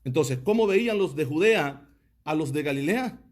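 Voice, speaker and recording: A man's voice: fairly high pitch, expressive, normal speed, darkish tone. A man, a pastor giving a livestreamed teaching sermon, reading viewer comments and asking his audience one rhetorical question after another.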